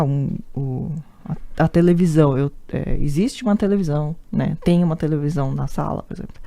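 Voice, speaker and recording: Brazilian woman, language teacher, slow and mellow, patient repeats, dry close mic. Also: deep voice, no room sound. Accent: Brazilian Portuguese. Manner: patient, repeats words often, tag questions. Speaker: Japanese teacher. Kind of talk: online language lesson.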